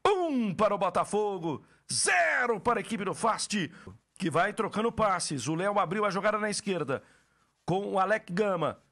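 Brazilian male play-by-play caller, very high bright voice, explosive goal commentary with drawn-out shouts. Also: lively intonation.

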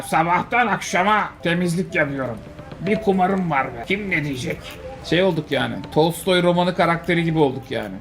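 Excitable man commenting on a game. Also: fairly high pitch. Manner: excitable, joking, quick to exclaim and swear. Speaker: streamer. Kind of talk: casual gameplay commentary.

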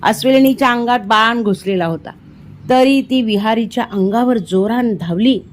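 A woman with a slightly high voice reads a children's storybook aloud in a quiet room. She narrates with feeling and performs the characters' lines herself, raising her voice when danger comes. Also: normal speed. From India. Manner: expressive, voices the dialogue with rising pitch in tense moments. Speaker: audiobook reader.

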